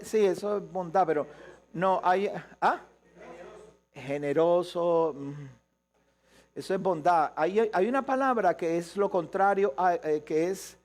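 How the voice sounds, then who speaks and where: Casting: male pastor, high voice, live sermon, quick asides then slow emphasis. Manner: questions the congregation, shifts between quick asides and slow emphasis.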